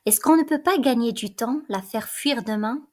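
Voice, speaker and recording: A woman reading aloud the part of the chorus, gravely urging the king to show mercy. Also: a little high, normal speed, close to an everyday voice.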